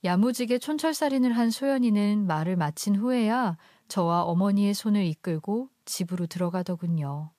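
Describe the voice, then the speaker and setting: A woman narrating a first-person story in an even, storytelling manner. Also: medium pitch, normal speed, few pauses, no echo, studio quality. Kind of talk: scripted narration.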